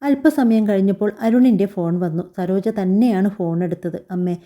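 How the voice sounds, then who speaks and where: A woman reads a scripted family story aloud. Her narration is even and measured. Her voice is very dark and mellow at a middle pitch.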